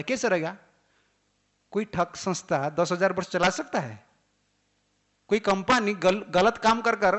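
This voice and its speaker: A man's voice: sits high, sharp tone. A swami giving an emphatic devotional sermon, firing off rhetorical questions and mixing English words into his talk.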